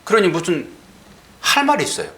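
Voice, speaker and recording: A middle-aged man preaching a sermon in a casual, conversational way, his voice bright and ringing. He talks directly to the congregation with questions. His pitch swings widely as he goes. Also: wildly swooping pitch, fairly quick. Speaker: pastor.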